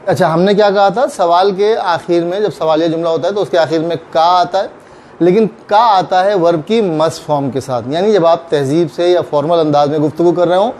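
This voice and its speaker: High-voiced man teaching Japanese slowly. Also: darkish tone, a little hiss or hum. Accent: Urdu. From Pakistan. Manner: patient, repeats example phrases slowly. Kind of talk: explaining grammar in a recorded lesson.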